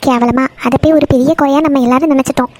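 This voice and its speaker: A woman voicing a gentle pleading mother. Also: sits high, steady tone, fast, close to an everyday voice. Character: patient, forgiving middle-aged mother. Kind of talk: Tamil cartoon voice acting.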